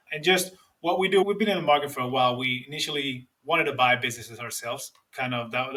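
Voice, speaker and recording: A Spanish-accented man in his thirties, talking earnestly as a podcast guest and often restarting his sentences. His voice is bright and forward. He sits a little away from the mic. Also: mid-range voice, far from the mic. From Spain. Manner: earnest, explanatory, with frequent restarts. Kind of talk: podcast interview.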